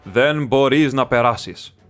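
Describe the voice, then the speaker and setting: A man's voice: medium pitch, a bit bright, soft background music, close to an everyday voice. A man reading an audiobook voices an ancient, unyielding wizard with firm, commanding declarations. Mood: defiant.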